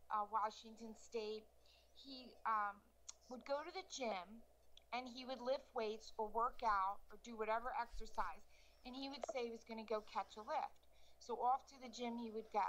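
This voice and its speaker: A woman from Baltimore, a guest speaking quietly over a webcam mic as she tells her story in an interview. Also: fairly high pitch, a little hiss or hum, low-quality recording. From Baltimore, United States. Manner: soft-spoken, quiet. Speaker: guest, charity founder.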